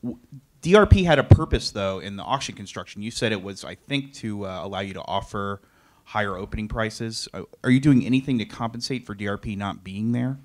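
A man's voice: fairly low pitch, brisk. A man, a trade-press reporter, asking a question from the audience in a casual, joking tone.

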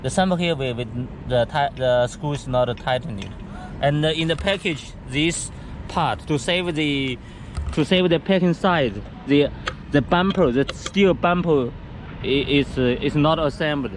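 A man giving a product walkthrough of a go kart outdoors, speaking halting English with many fillers and restarts. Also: fairly high pitch. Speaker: factory sales rep showing a go kart. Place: outdoors beside go karts on pavement. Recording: outdoor camera audio with background noise.

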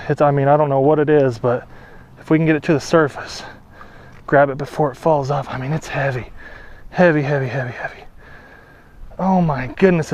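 A young man filming his magnet fishing outdoors on a lake dock, chatty and excitable, talking to his viewers. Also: fairly high pitch. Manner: excitable, chatty, keeps addressing viewers as boys. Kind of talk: excited outdoor vlog commentary. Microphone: action camera worn on the body.

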